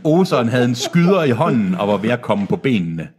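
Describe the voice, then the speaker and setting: A husky, slightly mellow male voice of medium pitch and sing-song delivery belongs to a comedy podcast co-host. He reads a novel aloud, stopping to mock the text and stumbling over words.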